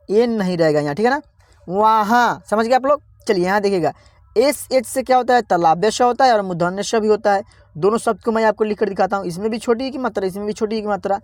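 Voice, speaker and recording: A man teaching beginners online, spelling out words slowly and repeatedly asking viewers how to read them, calling them friends. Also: high-pitched, no room sound, clean studio sound. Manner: slow, repetitive spelling-out, constantly quizzing viewers. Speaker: English teacher. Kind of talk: online beginner lesson, reading words aloud.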